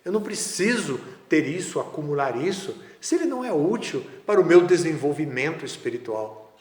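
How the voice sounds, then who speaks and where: A man giving a spiritual lecture in a measured, conversational way with casual asides. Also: on the high side, very animated, darkish tone. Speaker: spiritual teacher. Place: lecture hall. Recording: echoey hall, roomy reverb.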